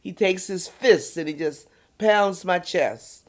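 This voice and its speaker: An older woman being interviewed, calmly recounting a personal story and acting out the quoted voices of others. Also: fairly low pitch, slow pace. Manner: animated retelling, voices quoted speech, soft at tense moments. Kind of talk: conversational storytelling.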